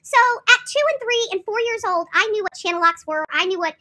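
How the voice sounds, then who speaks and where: Her voice is very high, bright and forceful as she briskly and expressively tells stories to her camera. The vlogger, a woman in her 40s filming in a small indoor room, repeats herself for emphasis and sprinkles in little "okay?" and "right?" check-ins.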